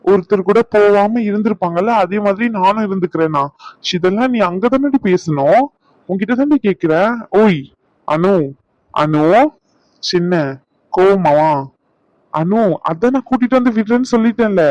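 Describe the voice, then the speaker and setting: A man's voice: high voice, lively intonation, moderate pace, long pauses, darkish tone, no room sound. A man voicing a young cartoon husband who teases and coaxes his wife affectionately, heard on a dull lo-fi recording. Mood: teasing. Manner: playful, teasing, coaxing. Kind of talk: animated cartoon voice acting. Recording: dull lo-fi sound.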